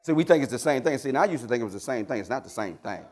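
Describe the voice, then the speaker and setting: A man preaching a sermon in church, asking his congregation questions and calling for answers. He swings between loud, emphatic lines and quiet, low asides, and speaks. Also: animated, very fast. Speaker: pastor.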